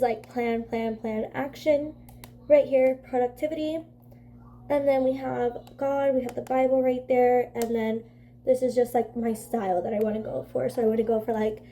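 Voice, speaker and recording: Young woman beauty vlogger, high mellow voice, nasal from a cold, loose rambling chat. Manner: rambling, filler-heavy, says "like" constantly. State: congested from a cold. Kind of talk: casual chatty makeup vlog.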